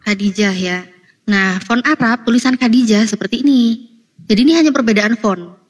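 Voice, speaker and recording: A woman's voice: fairly high pitch, moderate pace, slightly rough, highs cut off. A woman in a heated online debate, talking in an insistent, lecturing way and sounding exasperated, on a video call.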